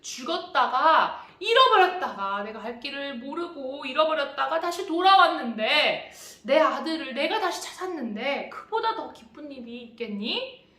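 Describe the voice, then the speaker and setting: A woman's voice: sits high, sing-song, normal speed, recorded from a distance, exaggerated voice. A woman voicing a loving, joyful father who welcomes his lost son home, speaking with eager exclamations. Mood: overjoyed. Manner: exclaiming, warmly pleading. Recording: echoey church hall.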